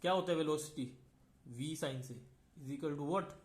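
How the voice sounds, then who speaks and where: A man with a fairly high voice teaches a physics class and moves through each idea step by step. He keeps checking that his students are following him. The recording has a roomy echo. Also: slow pace, darkish tone. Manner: explains step by step, often checks in with "है ना". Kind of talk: classroom lecture mixing Hindi and English.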